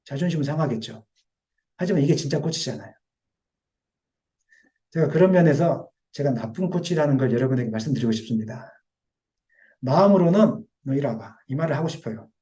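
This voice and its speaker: A man preaching a Sunday sermon as pastor, animated and rising, then dropping to quiet confession, and sometimes acting out the voices he quotes. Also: mid-range voice, fast talker, long pauses. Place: church sanctuary.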